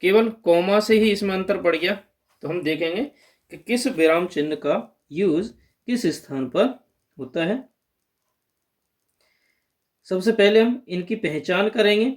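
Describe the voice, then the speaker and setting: A man teaches an exam-prep grammar lesson. His voice sits high for a man, and he lifts it to stress each key term as he explains step by step. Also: a little slow, pauses often.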